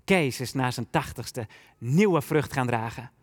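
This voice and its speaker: A man preaching a fervent sermon in a church, drawing out his phrases slowly. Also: mid-range voice, lively intonation, in a large hall. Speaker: pastor.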